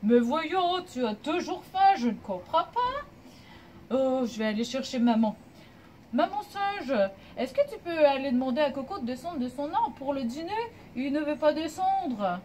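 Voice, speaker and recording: Woman playing a papa monkey, gruff, put-on deep voice, loud, fatherly, storybook voice. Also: very animated, moderate pace, slight background noise. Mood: booming.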